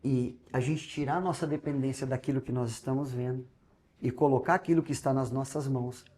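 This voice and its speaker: Animated Brazilian pastor telling a testimony. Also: male voice, mid-range voice, a little fast. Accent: Brazilian Portuguese. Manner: animated storytelling, acting out dialogue, swings from loud to hushed. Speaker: pastor, interview guest. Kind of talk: telling a personal testimony in conversation.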